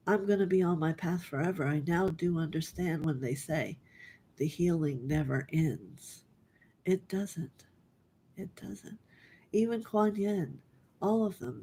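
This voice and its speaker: A middle-aged woman giving a live online spiritual reading to her callers. She speaks softly and gently, often dropping into a breathy half-whisper. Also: fairly low pitch, slight background noise. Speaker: spiritual reader.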